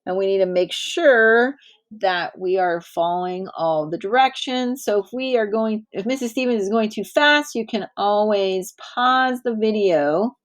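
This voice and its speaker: Leading small children through a step-by-step drawing lesson, this teacher is a woman in her thirties who stays patient and encouraging. Her mid-range voice is expressive and moves at a measured pace.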